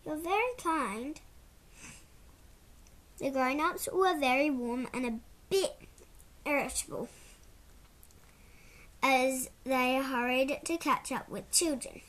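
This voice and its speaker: A woman narrating a children's storybook in a measured, clear way. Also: high-pitched, fairly bright tone.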